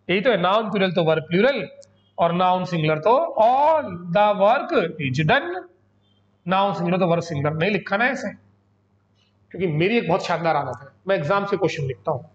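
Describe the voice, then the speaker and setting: A high-voiced man teaches English grammar in a chatty, scolding way and often acts out his students. The recording is dull and lo-fi. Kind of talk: coaching lecture.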